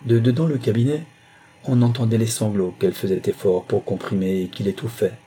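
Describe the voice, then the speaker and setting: Low mellow male audiobook narrator. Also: fairly even intonation, fairly quick, a little hiss or hum. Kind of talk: scripted novel narration.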